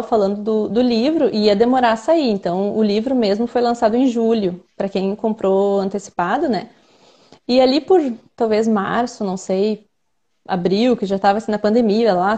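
Through a muffled recording, a young adult woman speaks at normal speed in a warm, mid-range voice. A researcher and translator with a Brazilian Portuguese accent, she thoughtfully explains her work at length in a casual interview, leaning on many fillers.

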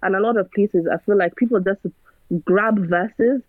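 Over a tinny, dry, phone-like line with no echo, a woman with a mid-range voice speaks at a moderate pace. A guest in casual conversation, she is earnest and preachy and leans on rhetorical questions.

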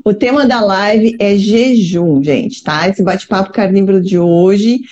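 A woman's voice: mid-range voice, unhurried. A woman co-hosting a live chat, enthusiastic and chatty. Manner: warm, enthusiastic, says "tá?" and "né?" a lot. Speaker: co-host. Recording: dull lo-fi stream audio.

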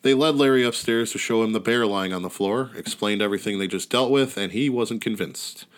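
Laid-back low-voiced man telling a story. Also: a little fast. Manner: laid-back, wry, swears casually. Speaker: podcast host. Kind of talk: casual storytelling chat. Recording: outdoor neighborhood ambience behind.

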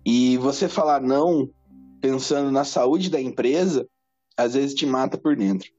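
A man's voice: mid-range voice, measured pace, a little mellow, highs cut off, faint music behind. A man and former pharmacy owner, talking reflectively in a casual podcast chat, hesitant with fillers.

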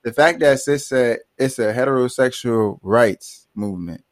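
A man's voice: mid-range voice, moderate pace, dry recording. A man co-hosting a podcast in a casual, rambling discussion, full of fillers and laughs. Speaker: podcast co-host.

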